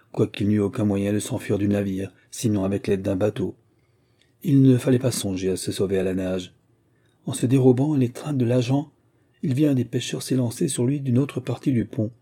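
Dark-voiced husky male narrator. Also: medium pitch, moderate pace. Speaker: audiobook reader. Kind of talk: scripted narration.

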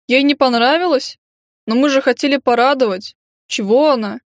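A woman's voice: high voice, normal speed, no echo, studio quality, pitched above the performer's own voice. A woman voicing a sulky, grumbling teenage boy who talks bluntly, in an audiobook. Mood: puzzled. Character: grumbling cheeky teenage boy, eared and proud.

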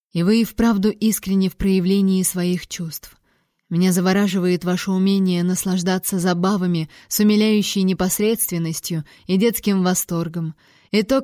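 Stern young king in an audiobook, curt and guarded, mellow tone, read by a woman. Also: mid-range voice, no room sound, studio quality, natural voice.

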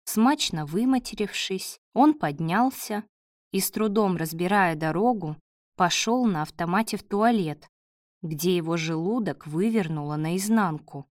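A woman narrating an audiobook in a steady, measured reading. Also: lowish voice, dry recording, studio quality.

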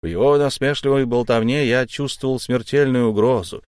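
A man reading an adventure story aloud in the first person, telling it in a measured, tense way. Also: medium pitch, a little mellow, smooth, no echo, studio quality. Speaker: audiobook narrator.

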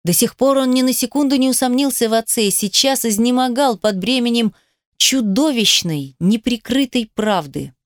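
A woman narrating a novel in a measured, even storytelling manner. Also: a little high, no echo, clean studio sound. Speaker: audiobook narrator. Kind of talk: scripted narration.

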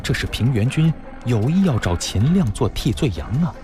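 A man's voice: medium pitch, sing-song, normal speed, over music, close to an everyday voice. A man doing a cautious courtier. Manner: cautious, careful. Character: cautious, careful male courtier.

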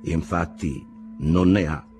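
A man voicing a sober, earnest young man who explains things in a measured, matter-of-fact way. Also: low-pitched, steady tone, darkish tone, soft background music, voice pushed down.

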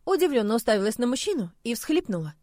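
A woman narrating a first-person fantasy story in an expressive, emotive manner. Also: on the high side, quick pace, dry recording. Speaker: audiobook narrator.

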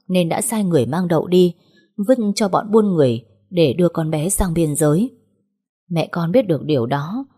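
A woman voicing a grieving middle-aged father in an audiobook, speaking in a plain, even way. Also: on the low side, slightly rough.

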